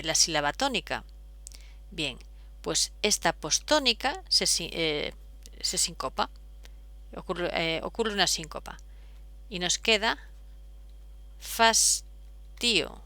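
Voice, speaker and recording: A woman's voice: fairly low pitch, sing-song, slow pace, long pauses, sharp tone, no echo. A woman, explaining step by step as a teacher, patient, with frequent fillers. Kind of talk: explaining at a whiteboard.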